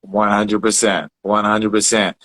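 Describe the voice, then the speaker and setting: A man's voice: fairly low pitch, flat delivery, measured pace, a bit bright, poor audio. A man co-hosting a casual online show, talking enthusiastically and building hype over a video call. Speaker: co-host.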